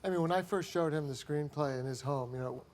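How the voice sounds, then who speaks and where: A film director on a talk show, telling an anecdote in an excitable way, laughing often. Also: male voice, fairly high pitch, brisk.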